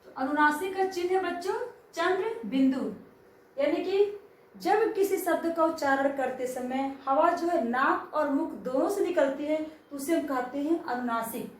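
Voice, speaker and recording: A woman's voice: high-pitched, measured pace, distant mic, slight background noise. A woman teacher giving a grammar lesson to children, asking them questions and then answering them herself. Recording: very echoey room, voice from off-mic.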